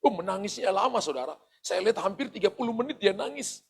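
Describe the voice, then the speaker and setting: Gravelly high-voiced male pastor preaching. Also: expressive, fast talker. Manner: addresses the congregation directly, with asides and chuckles. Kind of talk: sermon. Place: church service.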